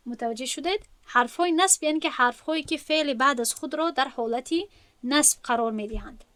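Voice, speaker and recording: A woman with a Tajik accent and a high, bright voice teaches a grammar class. She talks patiently, taking each point step by step and going back over the terms. The recording is dry and close, with no echo. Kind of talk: online lesson.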